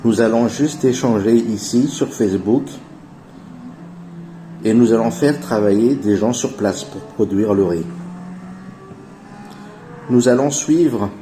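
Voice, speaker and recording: A man in his forties giving an earnest, persuasive investment pitch as voice-over narration, addressing his viewers as family. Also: warm tone, slight background noise. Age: 40s. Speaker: channel host pitching an investment project.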